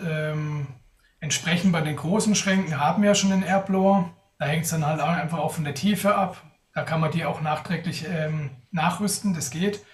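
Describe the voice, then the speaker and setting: The recording is roomy and off-mic, with a distant microphone picking up a young man's slightly high voice. He responds thoughtfully to audience questions during a live video call, hesitating often, from an indoor spot in front of a sponsor backdrop.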